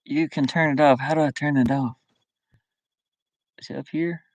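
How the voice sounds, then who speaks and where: Talking casually with his livestream audience from a van, a middle-aged man mutters and rambles in short, broken bits through his webcam mic. He has a fairly high voice with a steady tone and moderate pace, and the audio has no echo.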